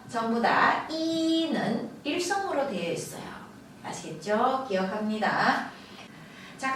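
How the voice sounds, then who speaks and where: Slow, high-voiced woman teacher in an echoey room. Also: fairly bright tone, recorded from a distance, a little hiss or hum. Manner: slow, drawn-out model pronunciations with repeated syllables. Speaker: Chinese language teacher. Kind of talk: Chinese tone lesson in Korean.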